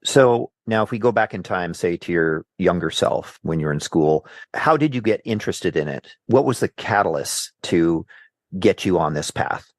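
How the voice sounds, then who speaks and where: A man's voice: low voice, animated, normal speed, no echo. A man hosting a podcast, asking probing questions with fillers and short acknowledgements. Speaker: podcast host, interviewer. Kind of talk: interview questions.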